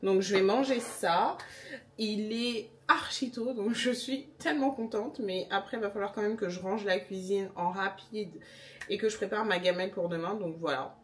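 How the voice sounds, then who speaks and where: A young woman talks straight into a handheld pocket camera at home, in a relaxed vlog chat. She is chatty and animated, with a wry streak when she talks about her tastes. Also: mid-range voice, normal speed, distant mic, a little hiss or hum. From Senegalese background. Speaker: vlogger.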